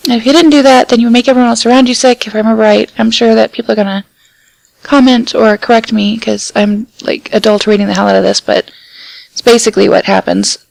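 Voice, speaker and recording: A woman's voice: on the high side, fairly even intonation, fast talker, vocal fry, a little mellow, no echo, rough recording. A woman casually chatting and commenting on a game she is playing with a friend, playful and self-mocking. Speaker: gaming channel co-host.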